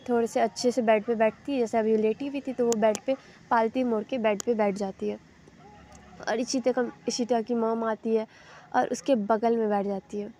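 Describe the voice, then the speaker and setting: Young woman, storyteller, chatty, mellow tone, slightly high pitch. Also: slight background noise. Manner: chatty, with self-corrections. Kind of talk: casual story narration.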